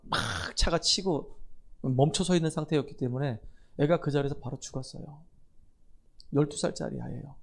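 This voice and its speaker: A man's voice: on the high side, darkish tone. A middle-aged man preaching a sermon in church, telling stories, acting out dialogue and building to emphatic appeals to the congregation. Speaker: pastor. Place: church sanctuary.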